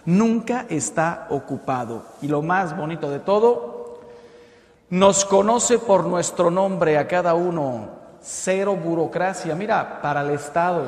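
A Mexican man in his fifties, a priest giving a lively, conversational sermon with acted-out jokes. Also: a little high, measured pace. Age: 50s. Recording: echoey hall reverb.

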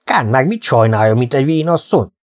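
Man doing a gruff scornful marsh fisherman, storybook, dark low voice, dry close sound. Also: dry recording, close to an everyday voice. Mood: mocking. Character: small weathered barefoot marsh fisherman, surly and grumbling. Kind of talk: audiobook character voice.

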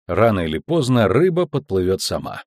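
A man narrating an audiobook in a steady storytelling voice. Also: fairly low pitch, normal speed, no room sound. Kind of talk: scripted narration.

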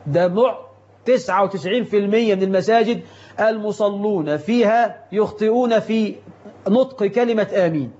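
A man with an Egyptian Arabic accent preaches a religious lesson on prayer, full of rhetorical questions. He switches between formal classical speech and everyday colloquial speech. His voice sits high, and the audio is a little dull and lo-fi. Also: brisk, darkish tone.

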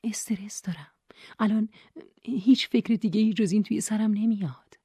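A woman's voice: medium pitch, mellow, slightly rough, dry recording, clean studio sound, voice pushed up. A woman voicing a nervous, stammering young woman. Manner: hesitant, stammering, halting restarts.

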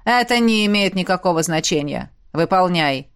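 A woman's voice: animated, moderate pace, clean tone. A woman voicing a cruel, cold-hearted male emperor who wields ice magic. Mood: cold menace. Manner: low, cold and menacing.

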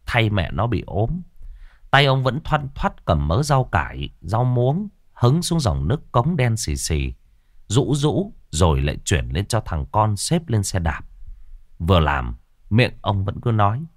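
A male storyteller reads a story aloud with a low voice that rises and falls expressively. The sound is close and dry, with no room echo. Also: big pitch swings, measured pace. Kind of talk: scripted story narration.

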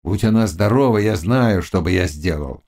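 A man voicing a brooding, passionate young Cossack warrior in an audiobook, speaking low and earnestly. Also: lively intonation, normal speed, creaky, darkish tone, heavily acted. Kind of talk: audiobook character reading.

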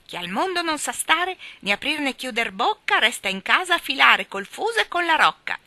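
A woman voicing an impertinent, funny parrot in a storybook reading, with a shrill sing-song delivery. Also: very animated, normal speed, pushed and bright, no echo, exaggerated voice. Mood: cheeky.

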